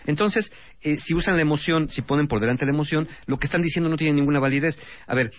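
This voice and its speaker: A man, a relationship expert explaining as a guest on a radio talk show, calm, listing one example after another. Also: a little high, fast, no echo. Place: radio studio. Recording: dull broadcast radio sound.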